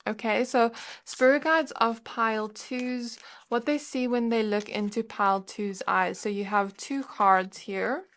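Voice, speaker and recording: A woman giving a pick-a-card tarot reading as a channel host, talking to the viewer in a gentle, reassuring way and often pausing to search for words. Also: a little high, fairly even intonation. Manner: musing, searching for words with frequent fillers. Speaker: tarot reader.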